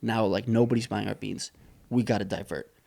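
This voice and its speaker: In a casual interview, a young Saipanese business owner talks about his path in a fairly low, creaky voice at a fairly quick pace. He is relaxed and rambling, with plenty of fillers and restarts.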